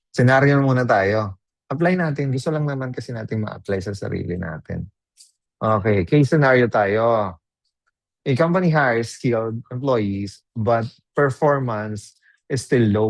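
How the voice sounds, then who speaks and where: A man's voice: lowish voice, creaky, no echo. A man giving a live online training, chatting casually, mixing Tagalog and English, and putting questions to the audience. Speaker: webinar trainer.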